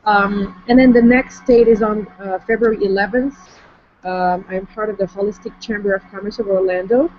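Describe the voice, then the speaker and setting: French-accented woman, measured and muffled. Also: mid-range voice, steady tone. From France. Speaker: interview guest. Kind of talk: online interview conversation. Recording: muffled lo-fi audio with faint noise.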